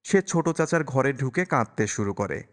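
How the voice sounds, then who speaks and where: A man narrating an audiobook in a calm, measured storytelling voice. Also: mid-range voice. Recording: long reverberant echo.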